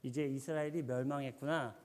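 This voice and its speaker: A man's voice: medium pitch, fairly even intonation, a little fast, darkish tone, long reverb tail, voice pushed down, lightly acted. A man voicing a scheming male king who gives a casual, bossy order.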